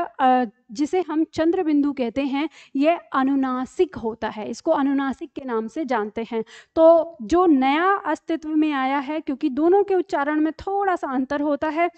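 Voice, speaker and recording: A woman with a high voice teaches an online grammar lesson. She explains patiently and keeps checking in with her students. The recording is dry and a little dull. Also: darkish tone, no echo. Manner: explanatory, checks in with repeated "ठीक है".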